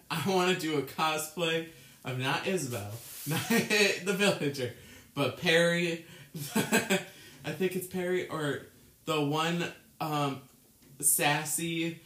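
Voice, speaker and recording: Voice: medium pitch, slow, fairly bright tone. A speaker chatting casually with friends, rambling with giggly asides. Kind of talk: casual chat. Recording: roomy echo, faint noise.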